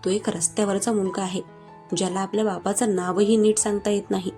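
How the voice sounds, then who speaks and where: A woman's voice: mid-range voice, flat delivery, brisk, mellow, soft background music, close to an everyday voice. A woman voicing a cruel, scheming older man in a read-aloud romance story, with a mocking manner.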